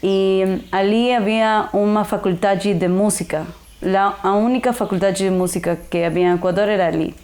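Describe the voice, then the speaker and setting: A young adult woman from Ecuador, a native Spanish speaker, shares her personal testimony as a resident in halting Portuguese with an Ecuadorian Spanish accent, mixing in Spanish words. Her voice is medium-pitched, steady and a little mellow.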